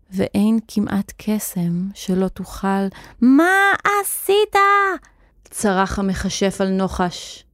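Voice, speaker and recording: A woman narrating a children's audio story in an expressive, vivid reading. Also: medium pitch, no room sound, studio quality.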